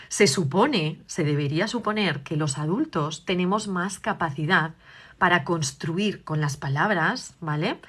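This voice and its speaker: A woman from gives a parenting talk on video. Her voice is bright and forward. She explains patiently and keeps checking that her listeners are still with her. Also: lowish voice. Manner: acts out parent and child dialogues. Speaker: parenting educator.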